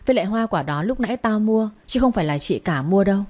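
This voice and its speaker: A woman's voice: medium pitch, animated, fast, darkish tone, lightly acted. A woman voicing a blunt, commanding young man in a read-aloud story. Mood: stern. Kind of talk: storybook character voice.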